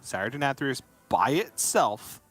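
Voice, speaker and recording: A man's voice: mid-range voice, sing-song, takes it slowly, fairly bright tone, no echo. A man casting a live card game tournament, teasing his co-caster with playful banter. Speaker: esports caster.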